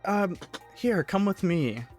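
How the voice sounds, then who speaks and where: A male game master improvises tabletop narration at a slow pace. His pitch is middling, and music plays clearly behind him. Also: animated, darkish tone.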